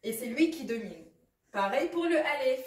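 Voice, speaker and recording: A woman teaching how to read letters, patient and repeating sounds slowly with examples. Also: high voice, animated, darkish tone, echoey room, far from the mic. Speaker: Arabic reading teacher. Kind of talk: explaining lesson.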